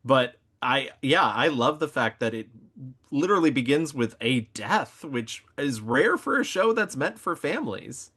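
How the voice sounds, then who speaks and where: A man's voice: medium pitch, very animated, measured pace, sharp tone, slightly rough. A man guesting on a podcast, talking in a thoughtful, musing, fond way. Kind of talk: casual podcast discussion.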